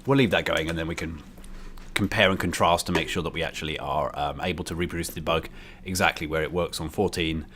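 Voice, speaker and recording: A British man giving casual live coding commentary as he streams, thinking aloud in a halting way. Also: extremely low pitch, a bit bright. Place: indoors by a window. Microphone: desk microphone, bidirectional. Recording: keyboard and street noise behind.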